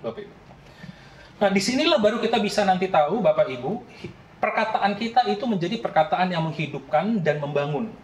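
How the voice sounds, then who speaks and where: A man's voice: high voice, lively intonation, brisk, roomy sound, poor audio. A man in his late thirties preaching a sermon in an earnest, conversational way, often addressing the congregation directly. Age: late 30s. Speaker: pastor.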